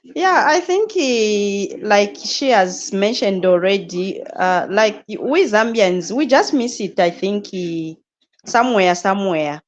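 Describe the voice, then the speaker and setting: Slow, hesitant woman panelist. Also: mid-range voice, animated, lo-fi sound. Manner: slow, searching for words. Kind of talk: podcast discussion.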